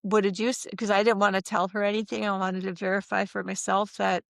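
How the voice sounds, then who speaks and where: A middle-aged woman recounting a personal experience in a casual interview, animated and acting out what others said, with frequent laughs. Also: medium pitch, fast talker, creaky, no room sound, studio quality. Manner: animated, acts out quoted voices, laughs often. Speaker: interview guest.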